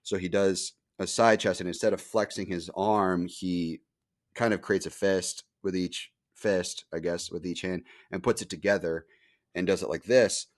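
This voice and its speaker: A man's voice: deep voice, steady tone, moderate pace, dry recording, clean studio sound. A young man hosting a podcast, telling a rambling story in casual chat, full of fillers and casual swearing. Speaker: podcast host.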